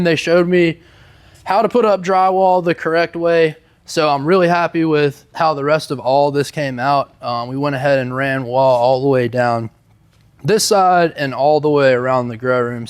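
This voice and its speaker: Young adult male, slightly higher-pitched, laid-back and upbeat, casual small-business vlog tour delivery. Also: smooth. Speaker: small microgreen business owner giving a tour. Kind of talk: casual vlog walk-through. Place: inside a large warehouse building.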